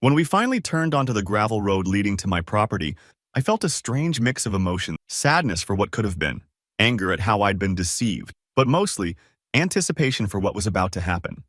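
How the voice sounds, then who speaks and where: A man's voice: lowish voice, very animated, fairly quick, fairly bright tone, dry recording, clean studio sound. A man reading a first-person story aloud in a casual, conversational way. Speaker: narrator.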